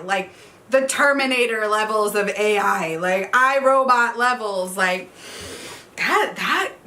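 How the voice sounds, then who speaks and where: A book vlogger with a slightly high, sharp-toned voice chats casually through a book tag. She laughs often, swears, and calls her viewers "y'all."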